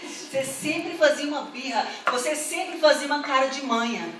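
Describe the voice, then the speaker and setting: A middle-aged woman pastor preaches with fervor, her high voice swelling into emphatic calls to the faithful. She is recorded from a distance in an echoey church hall, with faint room noise behind her. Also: unhurried. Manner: fervent, builds to emphatic calls to the congregation. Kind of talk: sermon.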